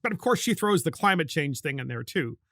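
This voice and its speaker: Male political podcast host; high, animated delivery, indignant and emphatic; dry recording. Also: fairly quick, dry recording. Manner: emphatic, indignant, with sarcastic asides. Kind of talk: political commentary.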